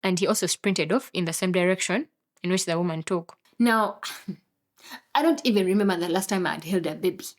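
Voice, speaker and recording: A young woman with a Ugandan English accent telling a comic story in a dramatic, animated way, full of exclamations. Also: fairly low pitch, brisk. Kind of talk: comedic storytelling monologue. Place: film studio.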